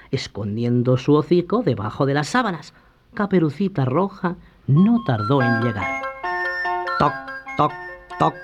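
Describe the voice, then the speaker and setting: A storyteller reading a fairy tale aloud in an unhurried, scripted narration, in a slightly dull recording with soft music behind. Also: medium pitch, breathy edge. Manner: unhurried and lively.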